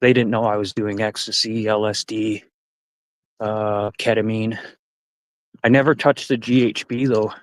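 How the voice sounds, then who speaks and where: A man's voice: fairly low pitch, level tone, unhurried, long pauses, no room sound, poor audio. A Canadian man in his forties rambling casually and profanely on a live stream while hiking a forest trail. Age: 40s.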